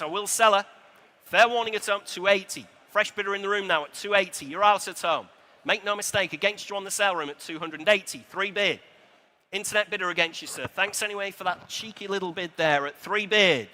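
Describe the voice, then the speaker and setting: A man with a British accent working as an auctioneer, calling a live sale in a brisk chant of repeated bids. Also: high-pitched, bright, forceful tone.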